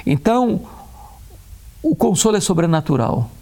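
Gravelly preacher, measured delivery. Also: male voice, sits high, big pitch swings, warm tone. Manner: measured, slows down to stress key words. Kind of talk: conversation on faith and grief.

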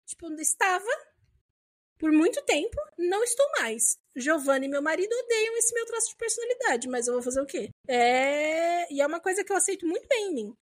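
A young adult woman talks casually as a podcast co-host. Her voice sits high and swoops all over the place. She speaks in an animated, expressive way. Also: fairly quick. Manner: lively, acts out quoted dialogue in exaggerated voices. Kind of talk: casual chat.

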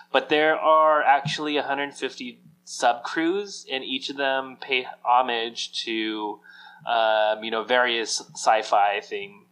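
Guy co-hosting a podcast, middle pitch, kinda rambly, lots of ums. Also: bright, forceful tone, rough recording. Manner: rambling, hesitant, many fillers and restarts. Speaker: podcast co-host. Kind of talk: casual chat.

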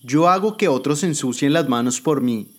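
A man's voice: a little high, expressive, normal speed, voice pushed up, lightly acted. A man voicing a cruel, ruthless woman politician who taunts and threatens, in a dramatic spoken story. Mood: scornful. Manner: taunting, contemptuous.

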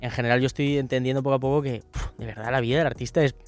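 Spanish man, podcast co-host, fast rambling interview questions. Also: medium pitch, fairly even intonation, faint music behind. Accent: Spanish from Spain.

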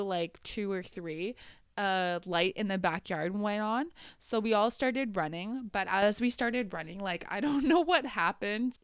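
A woman's voice: mid-range voice, fairly bright tone, clean tone, dry recording. A young woman co-hosting a podcast, telling a story in casual chat, laughing often and leaning on "like". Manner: giggly, many "like" fillers. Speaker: podcast co-host.

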